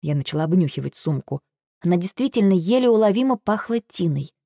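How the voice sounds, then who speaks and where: A woman reading a first-person audiobook, lively and exasperated in her delivery. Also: on the low side, fairly quick, no room sound, clean studio sound. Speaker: audiobook narrator.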